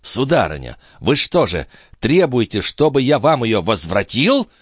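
A man's voice: on the low side, very animated, unhurried, a bit bright, dry recording, studio quality, pitched above the performer's own voice, heavily acted. A man voicing a flustered, resentful middle-aged police chief who stammers and pleads, in an audiobook. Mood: indignant. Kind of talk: audiobook character voice.

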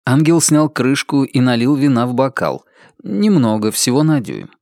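Calm male audiobook narrator, dry sound. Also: medium pitch, moderate pace, no room sound. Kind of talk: scripted narration.

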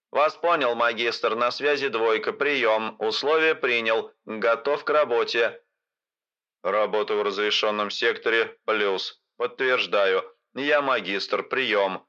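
A man's voice: medium pitch, pushed and bright, smooth. A man reading out military officers' radio exchanges, speaking in clipped, formal call procedure as if over a field radio. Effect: radio transmission sound. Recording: dull lo-fi radio sound.

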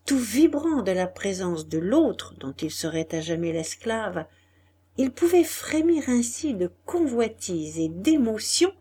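A woman reading a classic novel aloud as an audiobook, soft and measured, often dropping nearly to a whisper. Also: medium pitch, husky. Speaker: audiobook reader. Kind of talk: literary audiobook narration.

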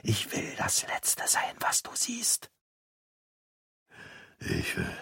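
A man voicing a gaunt, dying old grandfather in a slow, breathy, almost voiceless whisper for an audiobook. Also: no echo, studio quality. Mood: menacing whisper. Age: older. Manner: slow, drawn-out, menacing hush. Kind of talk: audiobook character voice.

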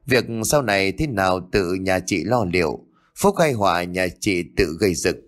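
Old village sorcerer, voiced by a man, calm. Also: deep voice. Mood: calm grave. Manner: calm, measured advice. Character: old male sorcerer-healer, calm and selfless.

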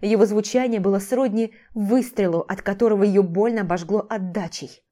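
Mellow woman narrating an audiobook. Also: mid-range voice, fairly even intonation, normal speed. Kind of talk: scripted narration.

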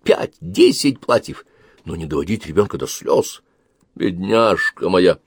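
A man's voice: low-pitched, sing-song, a little slow, gravelly, slightly rough, no room sound, heavily acted. A man reading aloud and voicing a doting, hot-tempered father who insists and raises his voice.

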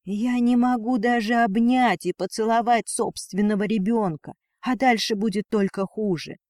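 A man's voice: high voice, normal speed, a little mellow, no room sound, clean studio sound, pitched above the performer's own voice, natural voice. A man voicing Ninalia, a proud female dragon and mother who fights for her weak daughter, speaking in a defiant, pleading manner. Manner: pleading then spitting defiance.

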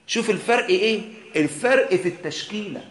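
A man's voice: high-pitched, lively intonation, fast, reverberant, slight background noise. A man with an Egyptian Arabic accent teaching a religious lesson, explaining patiently, asking rhetorical questions, and mixing formal and colloquial Arabic. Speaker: sheikh teaching Quran exegesis.

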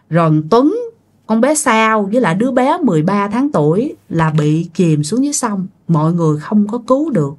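A woman telling a ghost story in a chatty way, often speaking straight to her listeners. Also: mid-range voice. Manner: chatty, addresses listeners directly.

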